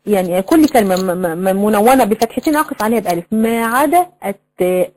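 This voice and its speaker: A woman's voice: medium pitch, expressive, fast talker, darkish tone, rough recording. A woman with an Egyptian accent teaching a tajweed lesson, explaining rules, quizzing her students and drawing out recited examples. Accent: Egyptian Arabic.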